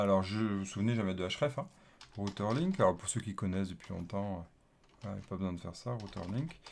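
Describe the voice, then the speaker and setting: A man with a low, gravelly voice walks through code in a relaxed screencast tutorial, muttering to himself and filling pauses as he types. Keyboard clicks sit behind him over a faint hiss. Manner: thinks aloud while typing, many fillers and repeated okays. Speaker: developer teaching coding. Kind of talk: casual screencast coding tutorial. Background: keyboard typing and clicks.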